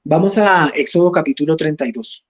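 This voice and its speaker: A man's voice: a little high, fairly quick. A man teaching an online Bible study class, reading scripture aloud and checking in with his listeners.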